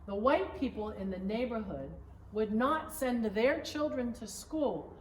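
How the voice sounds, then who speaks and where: A woman reading a children's story aloud in a measured, expressive storytelling manner, recorded at a distance in an echoing room. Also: on the high side. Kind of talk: children's picture-book read-aloud. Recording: roomy echo, distant mic, background noise.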